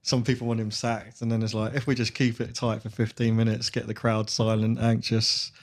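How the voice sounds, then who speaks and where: A man's voice: on the low side, level tone, moderate pace. A man, a guest in a casual football chat, talking about the match animatedly and laughing often. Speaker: podcast guest.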